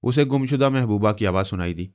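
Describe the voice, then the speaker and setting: A man narrating a novel aloud in a steady, dramatic audiobook style. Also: lowish voice, brisk. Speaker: storyteller.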